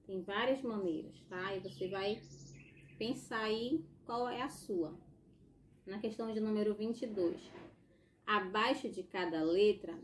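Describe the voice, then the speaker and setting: A Brazilian woman teaching young children in a recorded lesson, with a mid-pitched voice. She explains patiently, step by step, checking in often with short tags. Faint ambient sound sits behind her. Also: slight background noise. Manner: patient and explanatory, tagging sentences with "tá?" and "ó". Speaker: primary school teacher.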